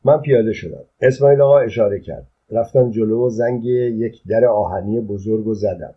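A man reading a short story aloud in the first person, calm and even, in colloquial speech. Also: fairly low pitch, slightly rough. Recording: dull lo-fi recording.

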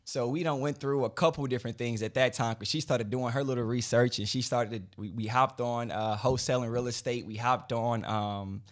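A man, a business-owner guest telling his story in a loose, relaxed interview manner. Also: mid-range voice, moderate pace, few pauses.

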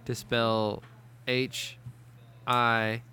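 A man's voice: mid-range voice, level tone, extremely slow, pushed and bright, smooth. A man running a casual quiz among friends, rambling with restarts and frequent laughs. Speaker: quiz host. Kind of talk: casual gaming chat.

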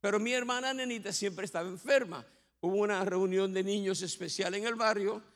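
A pastor with a Puerto Rican accent tells his own life story from the pulpit, joking and acting out the people in it. His voice sits high and carries a gravelly edge. It rings out with a long reverb through a church sanctuary. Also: a little fast, a bit bright. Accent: Puerto Rican Spanish. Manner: humorous storytelling with acted quotes. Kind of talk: testimony sermon.

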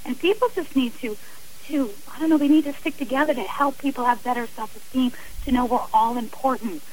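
A woman speaks as a guest on a radio interview, giving personal and advisory talk in an earnest, emphatic way, explaining through examples and repeated phrasing. Her voice is high and brisk, and the recording is rough.

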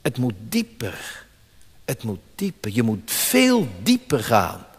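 A man voicing a solemn, commanding male lion, speaking slowly, low and insistently. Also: huge pitch swings, slightly rough, long reverb tail, heavily acted.

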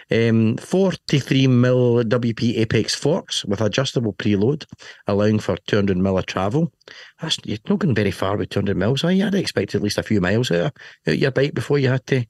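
A man's voice: lowish voice, darkish tone, breathy edge, no echo, studio quality. A man with a broad Scottish accent chatting casually and jokily as a show co-host, playful and self-deprecating. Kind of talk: casual jokey bike chat.

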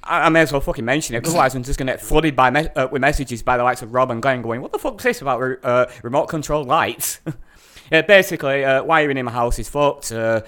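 A man's voice: mid-range voice, fast, fairly bright tone. A man, co-hosting a podcast in casual chat, rambling and swearing a lot. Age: 30s. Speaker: podcast co-host.

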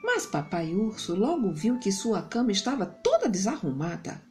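A woman narrating a bedtime story for children, slow and expressive. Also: medium pitch, soft background music.

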